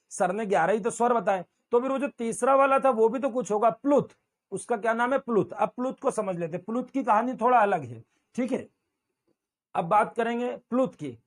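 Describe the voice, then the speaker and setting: Male grammar teacher with a high voice, lecturing and quizzing the class on pronunciation. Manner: drills pronunciation by repeating words and asking the class.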